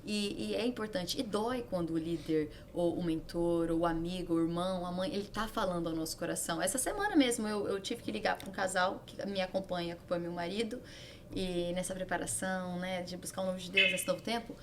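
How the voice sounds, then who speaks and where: A woman's voice: on the low side, a little fast, a little hiss or hum. A woman hosting a faith podcast, enthusiastic and chatty, slipping English words into her talk. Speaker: podcast host. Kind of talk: casual faith chat.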